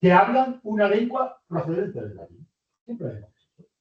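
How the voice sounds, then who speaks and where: An older male university professor lectures in a hall, his voice sitting high and moving at normal speed. He is lively and throws rhetorical questions at the audience. The recording is distant, roomy and muffled, typical of a lecture hall.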